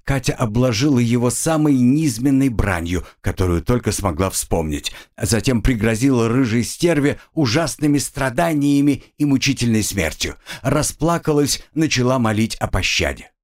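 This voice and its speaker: A male audiobook narrator telling a dark story with dramatic flair. His mid-range voice rises and falls in lively, animated contours. The reading is steady yet expressive throughout. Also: medium pitch, normal speed, hardly any pauses.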